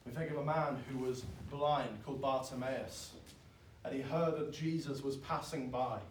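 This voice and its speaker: A man, preaching a sermon in an earnest, pleading way that swells loud and then drops soft. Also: mid-range voice, fairly even intonation, normal speed, slight background noise. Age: 20s. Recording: echoey, from far off.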